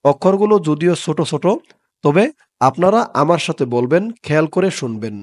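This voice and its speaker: A man teaching a prayer, spelling and chanting each Arabic word slowly, then explaining briskly in Bengali with a Bangladeshi accent. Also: a little high, animated, no room sound, studio quality. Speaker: religious teacher. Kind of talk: step-by-step recitation lesson.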